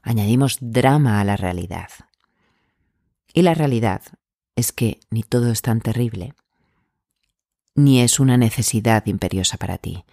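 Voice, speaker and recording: Calm guy coaching about anxiety, gentle encouraging tone, dry room. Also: lowish voice, a little slow, vocal fry, pauses often, no echo. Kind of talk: calm self-help advice talk.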